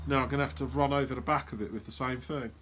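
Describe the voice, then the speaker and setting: A man's voice: mid-range voice, steady tone, very fast, a bit bright, slight background noise. A man chatting casually to camera in a workshop, joking and swearing. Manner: joking, swears, calls viewers "tubers". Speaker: vlogger.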